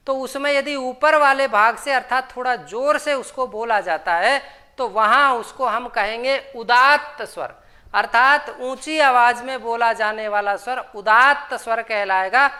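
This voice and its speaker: Speaking at a measured pace, this woman has a fairly high, bright voice with a forceful edge. Her Sanskrit grammar lesson is patient: she goes back over terms and sutras, repeats every rule, and answers the questions she asks.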